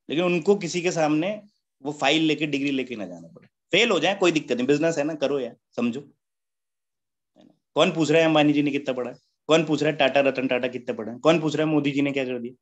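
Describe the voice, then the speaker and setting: A man giving a motivational seminar talk at a business meeting, chatty and joking, who keeps asking rhetorical questions. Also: fairly high pitch. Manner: rhetorical questions with a constant "है ना?" tag; chatty, joking, laughs at his own points.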